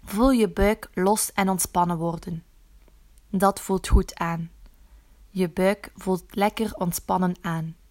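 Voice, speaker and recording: A woman narrates a guided muscle relaxation exercise in a soothing, instructive way, gently coaxing the listener along. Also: lowish voice.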